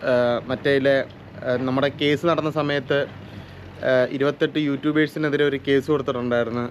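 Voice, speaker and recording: A man's voice: mid-range voice, flat delivery, fairly quick, slight background noise. A young man from chatting casually to his viewers in a home vlog, teasing and talkative. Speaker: vlogger. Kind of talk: casual family vlog chat.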